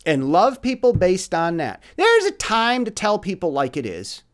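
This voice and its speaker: An earnest man talks through life advice in a casual, reflective monologue. His voice sits a little high and moves a lot in pitch. He stammers into restarts and drifts between louder, emphatic stretches and quiet ones. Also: huge pitch swings, normal speed. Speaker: speaker giving life advice.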